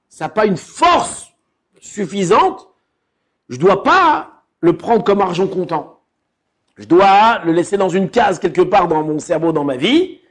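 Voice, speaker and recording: Animated high-voiced rabbi telling a story. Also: male voice, breathy edge. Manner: animated, colloquial, acts out scenes. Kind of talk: storytelling Torah lesson.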